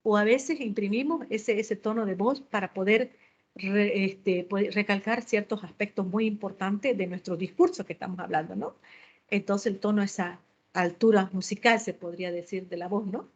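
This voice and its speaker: A woman's voice: medium pitch, moderate pace, highs cut off. A woman teacher giving a lecture on public speaking, explaining step by step and often checking in with short tag questions.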